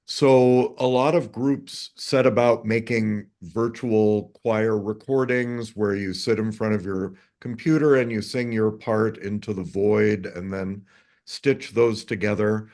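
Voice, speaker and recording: A man in his fifties, a conductor answering interview questions over a video call, measured and articulate. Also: fairly low pitch, steady tone, a little mellow. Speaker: conductor, guest.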